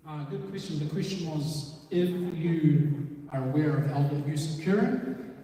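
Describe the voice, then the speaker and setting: A man police officer answering audience questions in a relaxed, conversational way with many fillers. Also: a little high, a little slow. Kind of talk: community talk and Q&A. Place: community meeting room. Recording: echoey hall, voice from far off, faint noise.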